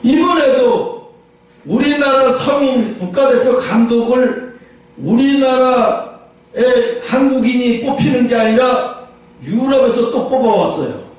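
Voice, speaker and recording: A man's voice: extremely high pitch, a little mellow. A man preaching a sermon as pastor, telling the story animatedly and acting out the dialogue. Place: church sanctuary. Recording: echoey church hall from far off.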